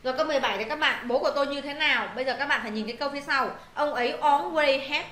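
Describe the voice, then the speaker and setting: A woman's voice: high-pitched, racing, fairly bright tone, echoey room, slight background noise. A woman English teacher, walking students through exam answers, repeating words and checking they follow. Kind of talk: exam answer walkthrough lesson.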